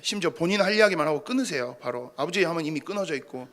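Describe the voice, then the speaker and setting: A man's voice: a little high, animated, rapid-fire, fairly bright tone. A man in his thirties preaching a sermon, telling a personal story in a conversational, self-deprecating way. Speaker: pastor.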